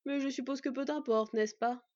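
A soft-spoken old one-eyed god, grave and kind, as a woman reads him aloud. Her tone stays dark and mellow, set in a dry, dull storybook recording. The manner is measured and gentle. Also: high-pitched, steady tone, no room sound, lightly acted. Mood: kindly.

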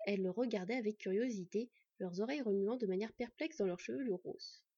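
A woman reading a fantasy story aloud in a steady storytelling manner. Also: medium pitch, fairly quick, slightly rough, dry recording. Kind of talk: scripted fantasy narration. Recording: dull lo-fi, dry.

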